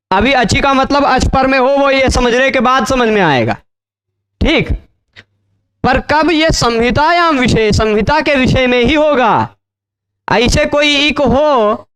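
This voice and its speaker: A man's voice: very high voice, a bit bright, clear, resonant tone. A man teaching Sanskrit grammar in a lecture, explaining step by step, repeating key phrases and asking checking questions.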